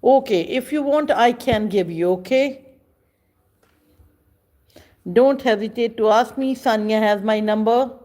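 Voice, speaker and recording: A woman, chatting casually with viewers on a livestream in slow, halting speech with many pauses. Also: on the high side, a little mellow. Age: 50s. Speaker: livestream host. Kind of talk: casual live chat with viewers.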